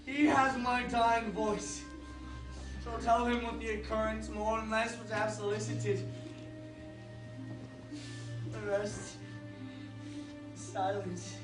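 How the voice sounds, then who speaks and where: A man's voice: high voice, little pitch movement. A man playing an anguished, passionate young prince as he dies, declaiming in theatrical Shakespearean style. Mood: dying, solemn. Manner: theatrical, declaiming, drawn-out dying delivery. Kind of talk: Shakespearean stage acting. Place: theatre stage, recorded from far off. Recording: distant echoey stage recording, music behind.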